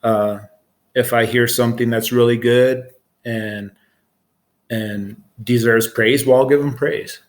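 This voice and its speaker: In an informal interview, an American man in his forties describes his job as an air traffic control supervisor in a plain, matter-of-fact way. His mid-range voice stays fairly even in intonation, and he speaks slowly.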